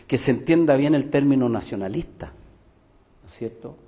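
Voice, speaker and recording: A man's voice: medium pitch, expressive, moderate pace, mellow. An older man with a Chilean Spanish accent giving an emphatic public talk as a music teacher and folklorist, full of rhetorical questions and asides. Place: cultural center hall. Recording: long hall reverb.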